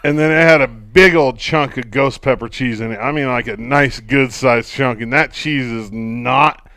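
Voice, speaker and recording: Bright, sharp-voiced male co-host. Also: medium pitch, moderate pace, no echo. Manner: teasing, jokey. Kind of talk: casual banter.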